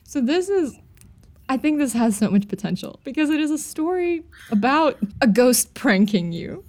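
A woman's voice: sits high, sing-song, normal speed, a little mellow. A young woman co-hosting a podcast, reading a creepy story aloud with a profane, giggly, mock-dramatic delivery. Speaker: podcast co-host.

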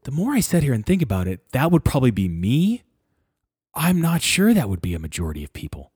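A man's voice: medium pitch, huge pitch swings, a little fast, darkish tone, slightly rough, no echo, studio quality. A man in a casual discussion who thinks aloud, restarting and correcting himself as he goes.

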